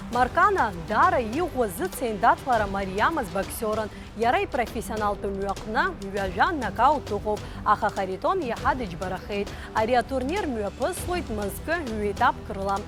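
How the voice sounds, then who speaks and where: A woman's voice: a little high, animated, moderate pace. A woman presenting sports news in scripted narration. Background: music.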